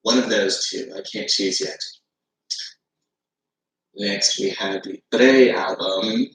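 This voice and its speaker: A man's voice: lowish voice, fairly even intonation, takes it slowly, a bit bright, slight background noise. A man in an old video, hesitantly listing his favorite songs with many fillers. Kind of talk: casual music review. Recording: echoey room.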